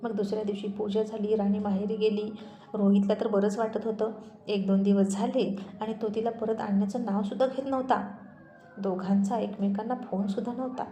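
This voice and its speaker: A woman narrating a serialized story in a steady, expressive way. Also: medium pitch, a little fast, slight background noise. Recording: roomy echoey recording.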